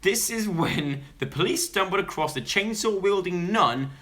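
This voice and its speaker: Lively, bright-voiced young man. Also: high-pitched, normal speed. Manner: excitable, jokey, reads viewer messages. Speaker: co-host. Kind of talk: casual comedic chat.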